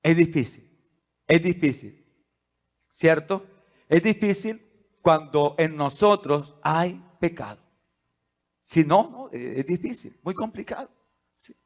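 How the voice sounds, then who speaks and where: High-voiced preaching man, dull recording. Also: expressive, takes it slowly, pauses often. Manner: preaching with rhetorical questions to the congregation; swings between soft asides and loud, rising emphasis. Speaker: pastor. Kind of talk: sermon. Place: church.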